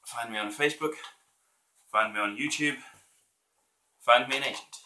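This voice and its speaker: A man's voice: medium pitch, normal speed, bright, forceful tone, slight background noise. A man who performs solo theatre, chatting casually to viewers as he signs off. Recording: echoey room.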